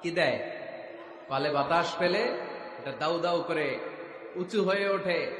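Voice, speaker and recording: A man's voice: on the high side, a little slow, fairly bright tone. A man preaching at a large religious gathering, scolding the crowd for noise and quizzing them with call-and-response questions. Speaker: Islamic preacher. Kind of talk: sermon. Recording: echoey public-address sound in a large venue.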